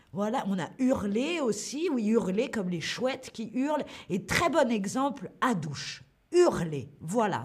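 A woman hosting a livestream lesson for French learners, speaking slowly and clearly and greeting viewers by name. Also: fairly high pitch. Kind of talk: live online language lesson.

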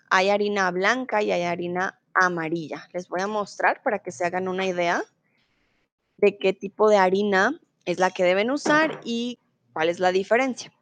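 This friendly Spanish teacher from Bogotá, Colombia hosts a live online class, reading student comments aloud and laughing, all in neutral Bogotá Colombian Spanish. Her mid-range voice is a bit bright, with no room sound.

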